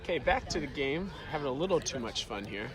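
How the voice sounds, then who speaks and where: A man from North Carolina doing relaxed, joking play-by-play commentary outdoors at a sports field. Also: mid-range voice, fast talker. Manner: jokey, relaxed banter. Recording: loud outdoor crowd. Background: crowd noise.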